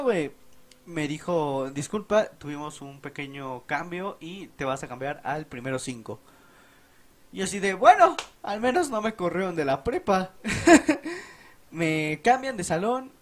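A young man's fairly high-pitched voice carries a Mexican Spanish accent as he recounts school-day memories on a podcast. The story is casual, animated, full of profanity, and punctuated by laughter.

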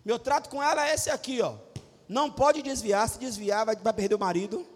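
A middle-aged man preaches a humorous, animated sermon. His voice sits very high, and he jumps into loud shouts and playful acted-out quotes. The long reverb of a church sanctuary surrounds every word. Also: brisk. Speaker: pastor. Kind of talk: lively sermon.

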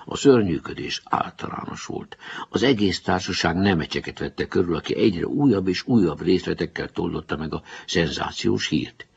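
A man narrating a storybook chapter in a lively, expressive way. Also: deep voice, vocal fry, husky. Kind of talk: storybook reading. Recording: dull lo-fi recording.

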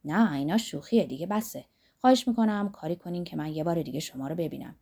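A woman voicing an earnest, lovesick young man in a storybook reading, speaking low and pleading. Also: lively intonation, warm tone, husky.

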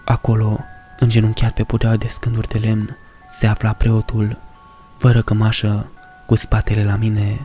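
A man narrating a first-person horror story in a measured, somber way. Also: on the low side, monotone, mellow, soft background music.

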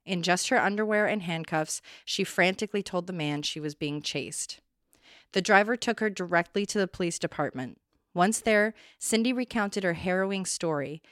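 A woman's voice: lowish voice, a bit bright, no room sound, clean studio sound. A woman hosting a true crime podcast, reading a scripted account and breaking in with blunt, opinionated asides.

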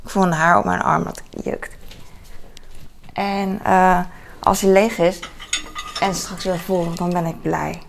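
Home vlogger, woman in her 30s: low, creaky voice, rambling casual chat over loud kitchen clatter. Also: flat delivery, slow pace, pauses often, a little hiss or hum. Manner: rambling, many fillers and restarts, mixes in English phrases. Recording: kitchen clatter of dishes and cutlery.

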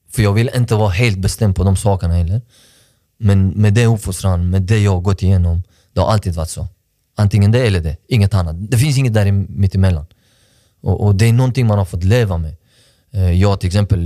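Recorded cleanly in a studio without echo, this man speaks in a low, dark voice. As a guest on a podcast, the sports director reflects earnestly on his earlier life, frequently starting sentences over, and he is not a native Swedish speaker.

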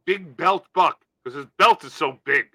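High, bright-voiced joking man. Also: moderate pace, no echo. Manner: riffing, acting out silly bits in put-on voices. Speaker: podcast co-host. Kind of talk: casual comedic banter.

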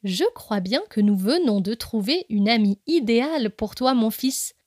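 A woman's voice: on the high side, lively intonation, normal speed, dry recording, studio quality. Woman doing a kindly father squirrel. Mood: reassuring. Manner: gentle, reassuring.

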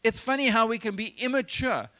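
High-voiced man preaching a sermon. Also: fairly quick, sharp tone. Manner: earnest, emphatic preaching with frequent restarts. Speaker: pastor. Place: church service.

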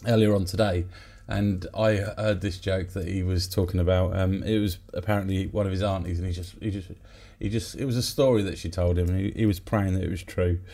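Gravelly man telling a joke. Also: sits low, steady tone, brisk, few pauses, dark tone. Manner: rambling, hesitant with fillers and restarts. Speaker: podcast co-host. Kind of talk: casual chat and joke-telling.

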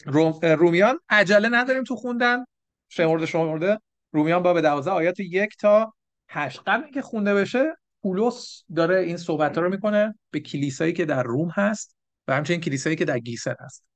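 A man's voice: high voice, animated, a bit bright. A man leading a church Bible lesson, explaining step by step and often checking with the group. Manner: explanatory, asks the group questions. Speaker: Bible teacher. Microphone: microphone for an online stream.

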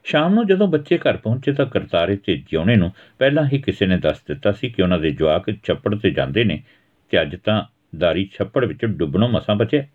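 Lively man narrating a village story. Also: sits low, fairly quick. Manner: animated village-story reading, raises voice for quarrels. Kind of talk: storytelling narration with acted dialogue. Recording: tinny phone-like audio.

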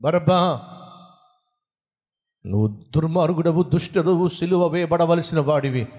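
A man playing a solemn male jail warden who speaks slowly and gravely, inside a sermon. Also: fairly high pitch, darkish tone, big-room sound, voice pushed down, lightly acted.

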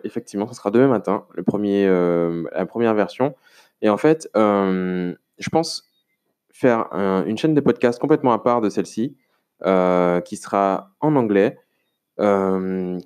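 Rambling French podcaster, low voice. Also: male voice, a little slow, a little mellow, clean tone. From France. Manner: rambling, many fillers and restarts, addresses listener informally. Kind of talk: casual solo podcast monologue.

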